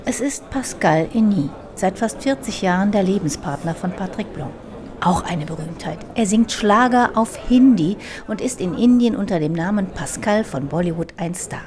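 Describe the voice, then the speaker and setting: A woman reporter giving scripted radio feature narration in a measured, descriptive way. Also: mid-range voice, expressive.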